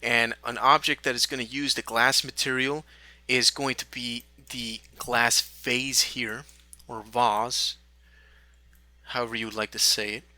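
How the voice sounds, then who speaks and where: A man teaching a software tutorial, talking through each step in a relaxed way with small fillers. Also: mid-range voice, moderate pace, dry recording. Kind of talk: screen-recorded software tutorial.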